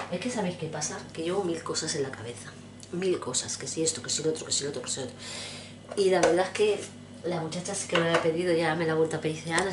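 Low-voiced chatty woman vlogging. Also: noisy background. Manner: rambling, chatty, affectionate, addresses viewers directly. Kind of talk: casual chat to camera.

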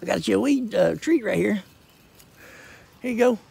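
A man, throat rough from pollen, coaxing his goats outdoors in casual baby talk. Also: sits high, lively intonation, moderate pace, a little mellow. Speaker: goat keeper. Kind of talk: casual vlog. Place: outdoors in a front yard.

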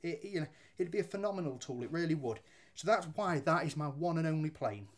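Animated and fast-talking, this woodworking teacher from England is in his thirties, down-to-earth, with a voice a little high for a man. In his indoor brick workshop he handles and planes wood at a bench, keeping the demonstration loose and chatty with mild swears and local slang.

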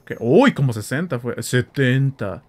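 Lively, excitable man narrating a game. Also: mid-range voice, unhurried, a little hiss or hum. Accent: Central American Spanish. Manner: excitable, chatty, makes blaster sound effects. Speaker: gameplay streamer. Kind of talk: casual let's-play commentary.

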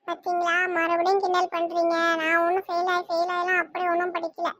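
A woman's voice: very high voice, completely flat delivery, a bit bright. A woman voicing a touchy, easily hurt young woman of twenty in a cartoon, speaking with a Tirunelveli Tamil accent. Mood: hurt, sulky. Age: 20s. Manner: sulky, complaining, quick to take offence. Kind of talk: cartoon voice acting.

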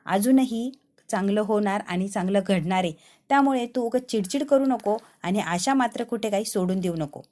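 Lady doing a chill hopeful young woman, calm and encouraging. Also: medium pitch, moderate pace, lightly acted. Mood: reassuring. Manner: soothing, encouraging.

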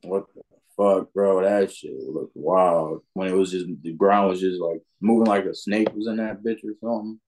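A young man co-hosting a casual review chat, excitable and profane. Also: sits low, moderate pace. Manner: excitable, profane, laughs a lot. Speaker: co-host.

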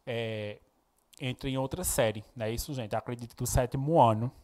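A man from Pernambuco teaching a recorded Portuguese lesson, explaining punctuation and reading poems aloud with expressive intonation. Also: medium pitch, moderate pace. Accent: Brazilian Portuguese, Pernambuco. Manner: explanatory, frequent tag questions, expressive when reading poems.

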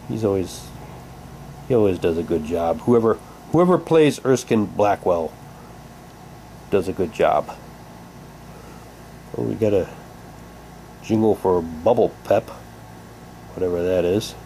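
A man with a deep, warm, animated voice narrates an unboxing at a measured pace, leaving long pauses. As a hobbyist vlogger he rambles unscripted, repeats himself, and sometimes reads aloud, and the indoor recording on his handheld camera's mic is rough with a little hiss or hum.

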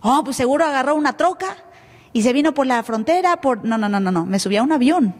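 A woman pastor from Mexico with a Mexican accent, telling her testimony in an animated sermon style. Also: high-pitched, quick pace. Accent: Mexican Spanish. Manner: animated storytelling, acting out dialogue. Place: church. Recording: reverberant church live stream.

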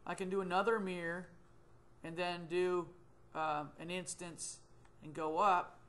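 With a level, slightly bright tone and a fairly high voice, a middle-aged tutor narrates his 3D modeling work in a screen-recorded lesson. Ums fill his pauses and he amends things as he goes. The audio comes from a desktop computer mic in a small indoor room, and a webcam view occupies a corner of the screen.

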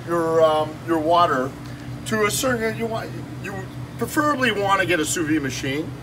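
In a cramped shop office fitted with a kitchen counter, a man in his fifties who owns the place delivers a lively, casual promotional cooking demo. His pitch sits fairly high. Someone close by holds the phone camera, so the sound is distant and picks up the room's noise.

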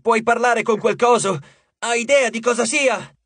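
A man voicing a quick-thinking teenage girl strategist who fires off urgent questions. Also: very high-pitched, creaky, a bit bright, no room sound, voice pushed up, exaggerated voice.

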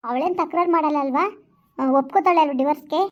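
A woman plays a jealous young woman scolding her lover in a rural vlog skit, reproachful and fast-talking. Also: highs cut off, natural voice. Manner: reproachful, quick and high-pitched. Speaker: amateur skit actor. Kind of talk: village vlog skit acting.

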